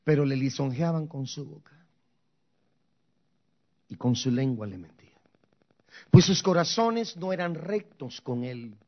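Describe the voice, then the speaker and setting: A man's voice: medium pitch, animated, unhurried, long pauses, lo-fi sound. A man preaching a sermon, speaking emphatically and straight to the congregation, slipping into English phrases now and then. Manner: emphatic, addresses the congregation directly. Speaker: pastor.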